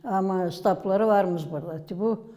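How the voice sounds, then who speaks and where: A woman from Gagauzia with a Gagauz accent, explaining village history as a local museum guide in an unhurried, halting way with many pauses. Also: mid-range voice, dark tone, long reverb tail. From Gagauzia, Moldova.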